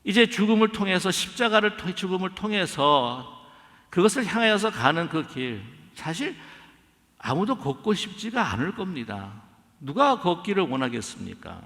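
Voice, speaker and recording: A man's voice: high voice, sing-song, normal speed, fairly bright tone, big-room sound. A man preaching a sermon as pastor, emphatic and acting out quoted lines. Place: church sanctuary.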